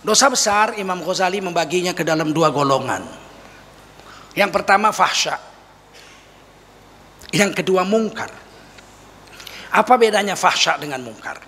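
Man, preacher, lively sermon, high bright voice, acts out tearful prayers. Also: a little slow, long pauses, breathy edge. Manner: animated, mimics weeping prayers, jokes with audience. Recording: long reverb of a hall.

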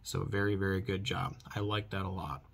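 Speaking fairly quickly and steadily, this channel host has a deep voice with vocal fry and a fairly bright tone. He's in his thirties, giving a casual product review to camera in a small furnished bedroom, recorded at roughly arm's length and leaning on emphatic stock phrases.

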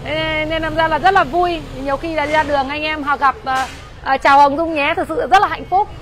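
A woman's voice: high-pitched, a little fast. A chatty woman with a northern Vietnamese accent hosting a casual sales livestream, talking to viewers. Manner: chatty, thanking and greeting viewers. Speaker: motorbike shop livestream host. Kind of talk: casual live sales chat. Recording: outdoor livestream with faint traffic noise.

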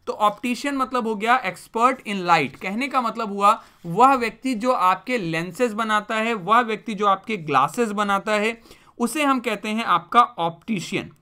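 A man's voice: high voice, pushed and bright. A male teacher giving a vocabulary lesson, mixing English terms into Hindi and asking the class questions he then answers himself. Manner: explains with repeated rhetorical questions.

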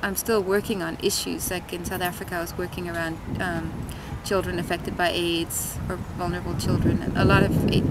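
Her pitch fairly low, this thirty-something Danish woman muses through an interview, hesitating with many ums and starting sentences over. The setting is an outdoor table on the street next to a tiled wall, and loud urban traffic fills the recording.

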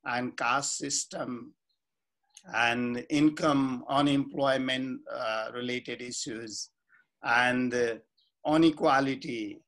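Slow-talking Nepali man, halting. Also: medium pitch, fairly bright tone. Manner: slow and searching, many fillers and restarts. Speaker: life coach and social activist. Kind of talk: self-introduction to camera. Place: small indoor room with plain wall.

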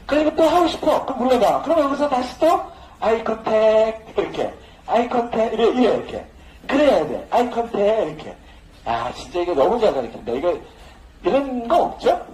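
Man, dance instructor, lively up-and-down voice, high pitch, jokey and laughing, echoey room with faint noise. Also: normal speed. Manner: chatty, joking, laughing often. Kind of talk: casual dance lesson.

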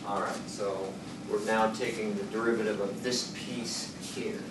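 A man in his sixties giving a chalkboard lecture, working through equations and thinking out loud, hesitating and correcting himself. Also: lowish voice, fairly even intonation, a little slow. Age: 60s. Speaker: engineering lecturer. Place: classroom at a chalkboard. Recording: roomy classroom, distant mic, background noise.

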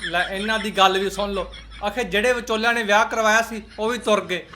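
A man's voice: high voice, steady tone, a little fast, background noise. A man with a Punjabi accent giving mocking, sarcastic reaction commentary in colloquial speech. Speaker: host of a roast reaction channel.

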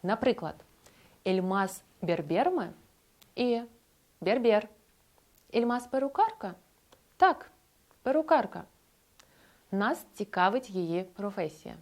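A woman narrating a scripted language lesson, explaining grammar clearly and slowing down to model example phrases. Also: mid-range voice, lively intonation, darkish tone. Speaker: language teacher.

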